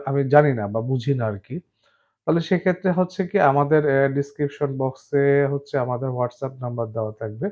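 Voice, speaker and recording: A man casually explaining forex trading, talking in a hesitant, halting way with many filler sounds and restarts, dropping in English terms. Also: mid-range voice, narrow, tinny audio. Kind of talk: casual explainer talk to camera.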